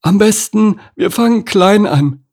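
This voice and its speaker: A man voicing a boastful young male jackal in a children's audiobook, squeaky and blustering. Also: animated, measured pace, a little mellow, heavily acted. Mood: cocky. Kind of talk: audiobook character voice.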